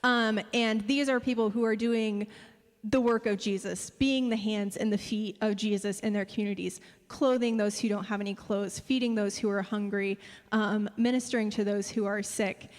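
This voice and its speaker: A woman gives an informal thank-you address to a congregation as a church speaker, earnest and halting in her delivery. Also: medium pitch, fairly even intonation. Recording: echoey hall with long reverb.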